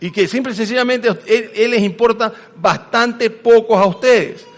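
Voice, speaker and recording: A high-pitched man, preaching a sermon. He swings between loud emphasis and hushed asides and questions the congregation directly. His voice carries a long reverb from a large church hall. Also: moderate pace. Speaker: pastor. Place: church sanctuary.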